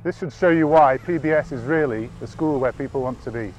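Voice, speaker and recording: A man who heads a senior school, giving a brisk, formal scripted presentation. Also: mid-range voice, a little mellow, dull audio. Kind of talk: scripted promotional talk.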